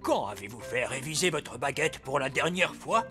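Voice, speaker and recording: A man playing a fussy, wise old elf in a children's cartoon, explaining things in a measured, pedantic way. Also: medium pitch, expressive, music in the background, lightly acted. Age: older. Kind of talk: animated children's cartoon acting.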